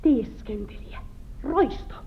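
A woman's voice: high voice, expressive, a little hiss or hum. An actress playing a distraught, jealous farm wife who accuses her husband and breaks into tears, in a 1940s film drama. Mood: accusing. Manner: tearful, accusing, fragile. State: crying. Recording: tinny old 1940s film soundtrack.

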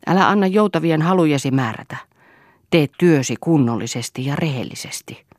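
A woman's voice: low-pitched, expressive, a little mellow, no echo, clean studio sound. Woman reading a firm, earnest wife. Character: firm, cool-headed adult wife. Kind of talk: audiobook character reading.

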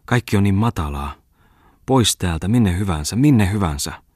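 Anxious young woman, as read by a man, soft and hesitant, pleading, husky tone, low voice, dry close sound. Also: expressive, dry recording. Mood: longing.

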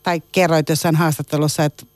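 A woman's voice: low voice, little pitch movement, darkish tone, no room sound. A woman radio journalist asking long, casual, rambling questions full of fillers.

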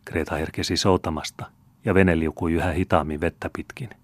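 A man reading a classic novel aloud as an audiobook narrator, in a measured, even storytelling manner. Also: low voice, dry recording. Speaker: audiobook reader.

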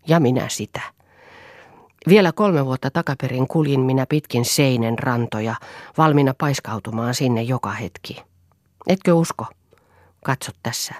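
A woman's voice: a bass voice, darkish tone, no echo, clean studio sound. A woman voicing a brooding, bitter male writer who speaks in a confiding, world-weary way.

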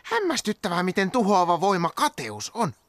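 A dry skeptical cartoon stoat. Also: male voice, high-pitched, huge pitch swings, exaggerated voice. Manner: dry, matter-of-fact.

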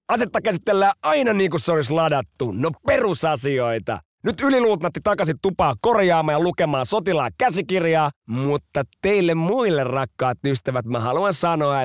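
A male podcast host narrating a story with a bouncy, very lively pitch that swings up and down. His voice sits a bit high for a man, and he tells the tale with an expressive, animated flair. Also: no room sound, clean studio sound.

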